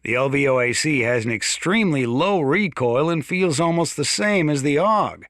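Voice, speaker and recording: In a video game, a man voices a folksy, gun-loving small-town sheriff delivering a boastful, conversational radio-style monologue with a proud mood. His voice is on the high side, animated and a bit bright, at normal speed. The recording is dry with clean studio sound.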